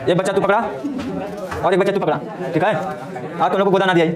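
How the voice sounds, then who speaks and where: High-voiced man teaching a noisy class. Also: fairly even intonation, fast, crowd noise. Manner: quizzing pupils with call-and-response questions; bossy, repeatedly hushing a noisy class. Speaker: coaching teacher. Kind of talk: classroom lecture. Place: classroom full of pupils. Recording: echoey classroom with chattering kids.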